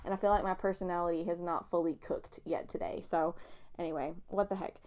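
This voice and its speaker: Fairly quick and fairly even in intonation, this young woman's voice sits on the low side with a darkish tone. In her casual, rambling book vlog she sounds slightly nasal and sniffly from allergies, chatting and mocking herself as she drifts into playful tangents.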